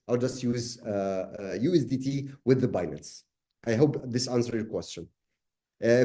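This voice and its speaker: A man's voice: mid-range voice, dark tone. A man from Egypt hosting a live trading webinar, answering questions casually with many fillers.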